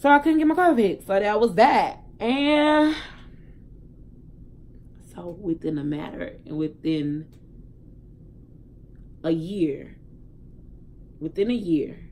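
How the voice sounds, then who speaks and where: A young woman, telling her personal story to a phone camera in a candid, emphatic way, swearing freely and swinging between loud outbursts and quiet reflection. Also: mid-range voice, takes it slowly, long pauses, slight background noise. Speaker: vlogger.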